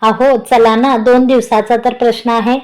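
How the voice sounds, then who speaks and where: A woman's voice: fairly high pitch, level tone, normal speed, a little mellow, lightly acted. A woman voicing a flustered, bashful young newlywed wife who scolds and coaxes her husband in a storybook reading. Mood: coaxing.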